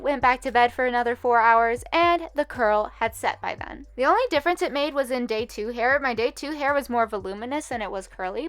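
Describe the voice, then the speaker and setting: A woman's voice: high-pitched, fairly bright tone, smooth, dry recording. A young woman giving a scripted voiceover for her hair tutorial, dropping dry jokes along the way. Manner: dry jokey asides. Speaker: beauty vlogger.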